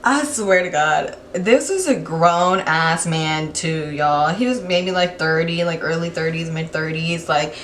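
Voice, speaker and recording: A young woman telling a storytime vlog in a casual, animated, profane way, full of fillers. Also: sits low, measured pace, hardly any pauses, a little hiss or hum.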